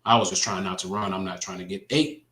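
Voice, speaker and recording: A man speaks low and haltingly, filling his pauses with ums as he recounts a dream on a casual faith talk show. His voice carries a noticeable room echo. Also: fairly even intonation, a bit bright. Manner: halting, many ums and restarts. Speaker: co-host.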